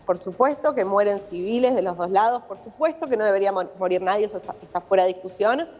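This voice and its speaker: Animated and quick, a female journalist with an Argentine accent explains a situation from abroad in a live news interview. Her voice is mid-range and a little mellow. The remote link is muffled, with long reverberation.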